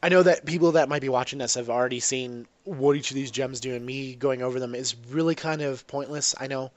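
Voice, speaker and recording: A man with a cold-congested voice casually talks over his own gameplay, rambling with lots of ums, self-corrections, and restarts. His voice is medium-pitched and a little fast, recorded with no room sound.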